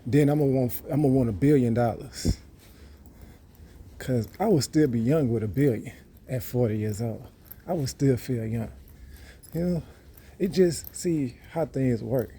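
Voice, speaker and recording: A man's voice: medium pitch, mellow, husky. A man, rambling and boasting in a casual monologue that repeats itself. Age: 30s. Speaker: vlogger.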